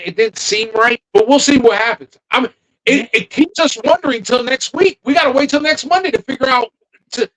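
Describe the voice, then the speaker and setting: A man's voice: very high voice, a bit bright, low-quality recording. A man co-hosting a casual podcast, thinking aloud, trailing off and restarting his sentences. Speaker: podcast co-host. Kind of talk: casual wrestling chat.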